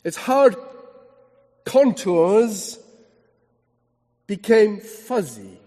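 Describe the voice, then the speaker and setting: A high-voiced man delivers a sermon as dramatic storytelling. He swings between emphatic lines and hushed asides, with a long reverb trailing through a large hall. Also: lively intonation, very slow. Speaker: preacher.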